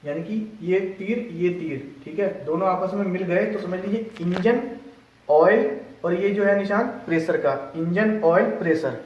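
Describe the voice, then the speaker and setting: A male instructor explaining a lesson step by step, often pausing to check that his students have understood. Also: high voice, darkish tone, lo-fi sound. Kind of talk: classroom lesson. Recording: echoey room, distant mic.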